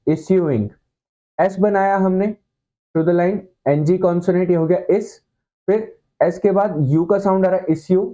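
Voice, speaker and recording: A man's voice: high-pitched, dark tone, dull audio. A man teaching an online shorthand lesson, explaining with playful comparisons and checking in with the class again and again.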